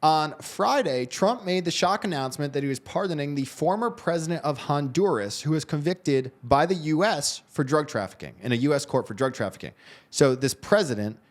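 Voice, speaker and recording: A man's voice: a little high, expressive, fairly quick. A man co-hosting a news show, discussing the headlines in a conversational, hedging way and often restarting his phrases.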